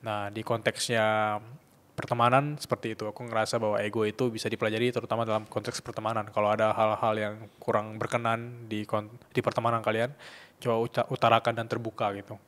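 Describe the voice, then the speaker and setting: Man, twenties, flat monotone delivery, reflective, casual podcast co-host. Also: on the low side, fast talker. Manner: reflective, speaks from personal experience.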